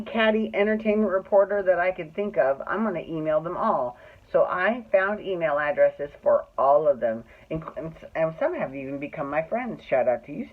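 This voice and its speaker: Sounding thin and phone-like, this Glendale, California native with a mid-range voice hosts a show of casual personal stories told to camera. The delivery is catty, dramatic and profane, with bits of dialogue acted out.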